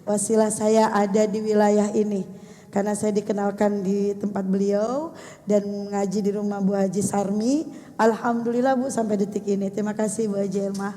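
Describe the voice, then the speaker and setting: An older woman giving an animated religious talk to a gathering of mothers, speaking to them directly. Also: mid-range voice, normal speed. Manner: animated, addressing the mothers directly, acting out how to speak to children. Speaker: religious teacher. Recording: echoey hall sound.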